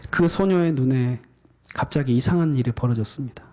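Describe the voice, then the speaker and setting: A man's voice: medium pitch, a little fast, a little mellow. A male pastor preaching a sermon, telling a story in a dramatic, emotive way.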